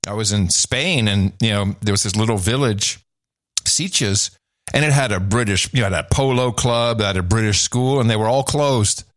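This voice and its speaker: A man's voice: on the low side, moderate pace, fairly bright tone, dry recording, studio quality. A man hosting a podcast in casual chat, jokey and laughing often, with rambling questions. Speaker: podcast host.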